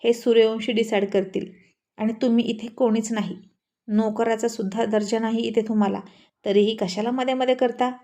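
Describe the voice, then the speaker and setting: A woman's voice: fairly high pitch, fairly even intonation, normal speed, dark tone, lightly acted. A woman voicing a firm but caring grown son in a storybook reading, coaxing and stern by turns. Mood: scornful.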